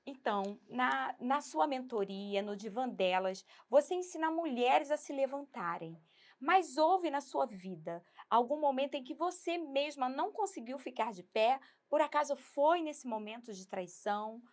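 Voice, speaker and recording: A woman interviewer with a Brazilian Portuguese accent, asking questions calmly and attentively. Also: high-pitched, a little slow. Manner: calm, attentive, encouraging. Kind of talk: interview questions and brief affirmations.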